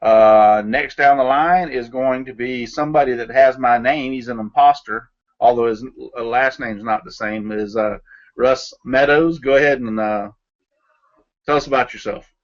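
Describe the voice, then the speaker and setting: A man's voice: medium pitch, moderate pace. A man co-hosting a live video call show, easygoing as he calls out guests in casual chat. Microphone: video call mic. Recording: muffled video call audio.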